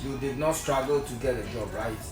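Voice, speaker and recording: A man's voice: medium pitch, brisk. A man hosting his channel, asking questions in a friendly way and often repeating himself. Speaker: interviewer, channel host. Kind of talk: casual interview. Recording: echoey room from far off with music.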